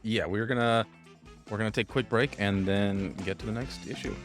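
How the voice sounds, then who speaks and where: A man co-hosting a casual podcast, chatting about old comics in a relaxed way with fillers. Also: on the low side, fairly quick, over music. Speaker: podcast co-host.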